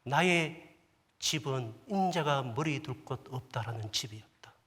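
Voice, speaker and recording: A male pastor voicing the Lord as a gentle inner voice, soft and sometimes whispered, in a sermon. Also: mid-range voice, expressive, unhurried, breathy edge. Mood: tender. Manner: soft, hushed, at times whispered. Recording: long church hall reverb.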